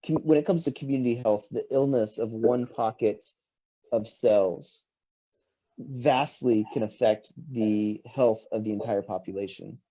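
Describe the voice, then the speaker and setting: A man's voice: medium pitch, measured pace, warm tone, dull audio. Hesitant man hosting an interview. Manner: hesitant, restarting phrases. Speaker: interview host. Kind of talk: casual interview conversation.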